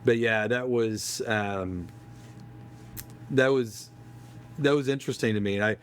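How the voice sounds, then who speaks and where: A man's voice: medium pitch, measured pace, a little hiss or hum. A man co-hosting a podcast, chatting casually and jumping in often, with ums and restarts. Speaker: podcast co-host. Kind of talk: casual chat.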